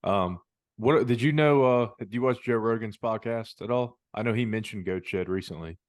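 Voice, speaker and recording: A man hosts a fight podcast, asking his guest casual, friendly questions in an easygoing interview and calling him "man." His voice is fairly low and at normal speed, recorded cleanly in a studio with no echo.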